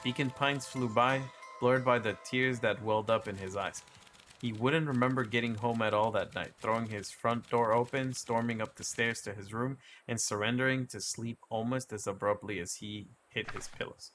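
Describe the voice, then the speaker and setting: A man's voice: medium pitch, steady tone, moderate pace, a bit bright, slight background noise. A man hosting a gaming video, reading the dialogue and narration aloud with casual, chatty asides. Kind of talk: reading game dialogue aloud while playing. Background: game music.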